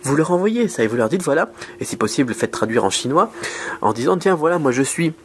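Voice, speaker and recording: A man from France giving casual advice as a video host, chatty, full of fillers and restarts, with sudden pitch jumps. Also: sing-song, brisk, slight background noise. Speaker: YouTube host.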